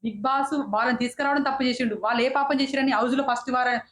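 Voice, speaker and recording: A woman's voice: sits high, steady tone, rapid-fire, echoey room. A woman giving an opinionated, indignant review of a reality show, often repeating herself and restarting words. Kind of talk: casual opinionated commentary.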